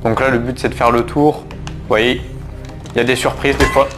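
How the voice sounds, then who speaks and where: A man's voice: medium pitch, flat delivery, normal speed, over loud music. A man casually commenting on his gameplay for viewers, talking to them directly, with frequent fillers and restarts. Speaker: gaming YouTuber. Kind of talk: casual let's-play commentary.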